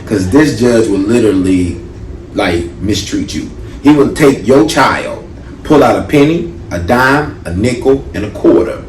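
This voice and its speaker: A male stand-up comedian telling animated, profane stories on a live comedy stage. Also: fairly low pitch, unhurried, a little hiss or hum. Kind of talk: stand-up storytelling. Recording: roomy live venue from a distance, audience.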